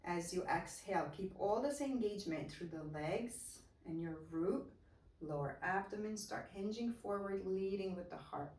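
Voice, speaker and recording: A woman teaching a guided chair yoga class, giving slow, soft-spoken breath cues. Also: medium pitch, expressive, far from the mic. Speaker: yoga instructor. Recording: roomy echo, voice away from mic.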